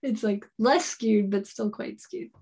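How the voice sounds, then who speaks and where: A woman's voice: mid-range voice, animated, a little slow, vocal fry, a little mellow, slightly rough. A woman in her thirties answering questions as a keynote speaker on a video call from a home office, thoughtful and hedging, often restarting her sentences. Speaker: keynote speaker, board game designer. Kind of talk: live Q&A answers. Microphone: video call webcam.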